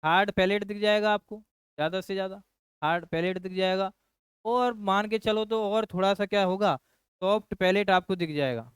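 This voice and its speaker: A nursing coach with a high, clear and resonant voice lectures at a normal pace, recorded with no room sound. He repeats key phrases, keeps firing rhetorical questions at the class, and calls his students children.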